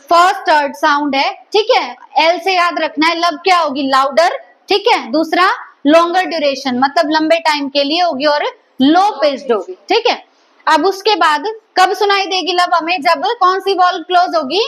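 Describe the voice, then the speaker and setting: A woman delivers a biology lecture in a classroom, her voice pitched high. She keeps checking the class with quick questions and repeats each answer back to them. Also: fairly bright tone, poor audio. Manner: quizzes students with repeated questions. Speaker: biology teacher.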